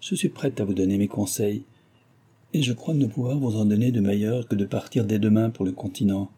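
A man's voice: on the low side, a little fast, dark tone, husky. A man voicing a shy, flustered young heiress, speaking in a hesitant, reserved and polite way. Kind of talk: audiobook character reading.

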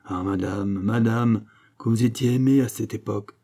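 A man's voice: fairly low pitch, normal speed, mellow. A man voicing a grave, loyal nobleman. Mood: earnest. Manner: earnest, solemn pleading. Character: loyal, grave nobleman, bold but respectful.

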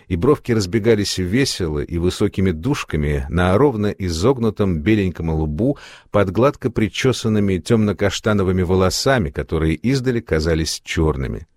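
Low-voiced man reading literary fiction. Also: animated, moderate pace, darkish tone, dry recording. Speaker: narrator.

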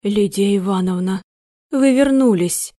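A woman's voice: mid-range voice, lively intonation, a little slow, dark tone, no echo, clean studio sound, close to an everyday voice. A woman voicing an obsessed, frantic thin man in his thirties, pleading in a rapturous way.

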